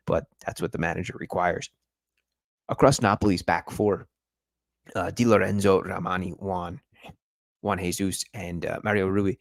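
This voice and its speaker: On a live stream, a football podcast host whose first language is English breaks down a match in a chatty, analytical style, talking directly to his audience. His voice is deep and creaky, with no room sound.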